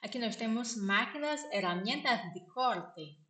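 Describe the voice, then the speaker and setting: A woman's voice: on the high side, expressive, sharp tone. Brazilian woman teaching in an echoey room. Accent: Brazilian Portuguese. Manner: repeats words slowly, asks "né?" often. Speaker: vlogger teaching vocabulary. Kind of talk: casual spoken lesson.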